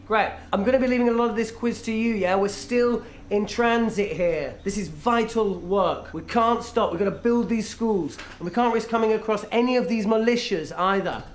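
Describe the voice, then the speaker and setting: An actor playing a smug, falsely modest aid worker who humblebrags pompously in a comedy game. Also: male voice, sits high, moderate pace, few pauses, lightly acted. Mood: self-important, evasive. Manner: pompous, humblebragging, hesitant when bluffing. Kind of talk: acted comedy game dialogue. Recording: faint background noise on video call.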